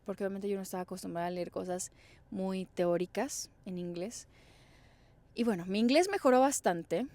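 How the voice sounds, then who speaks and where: A woman's voice: medium pitch, darkish tone, no room sound. A young woman from Mexico with a Mexican Spanish accent, telling her own story in a chatty, explanatory vlog with casual fillers. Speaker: vlogger.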